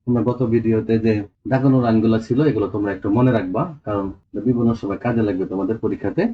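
A man's voice: lowish voice, fairly even intonation, quick pace, narrow, tinny audio, slight background noise. A man teaching a school Bengali lesson step by step in a Bangladeshi accent, often telling the students to look.

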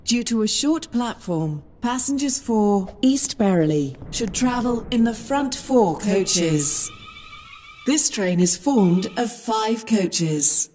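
A woman giving automated train station platform announcements over a loudspeaker, with measured, evenly spaced delivery. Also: a little high, lively intonation, in a large hall, slight background noise.

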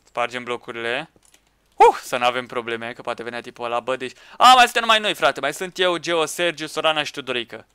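A man commenting on a Minecraft match with friends, excitable, shouting at teammates and laughing. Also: mid-range voice, smooth, dry recording. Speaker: gaming YouTuber.

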